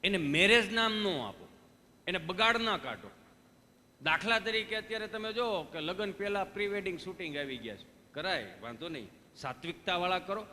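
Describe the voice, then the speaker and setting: High, bright Kathiawadi Gujarati man. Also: animated, moderate pace, in a large hall, slight background noise. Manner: folksy storytelling with preachy asides. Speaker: stand-up comedian. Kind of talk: live stage comedy monologue.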